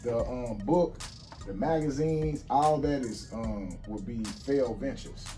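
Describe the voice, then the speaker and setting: A man in his forties, speaking casually and telling his life story in a relaxed, street-wise way as the guest of an interview. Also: medium pitch, unhurried, distant mic, soft background music. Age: 40s. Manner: relaxed street-wise storytelling, frequent "you see what I'm saying". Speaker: guest entrepreneur.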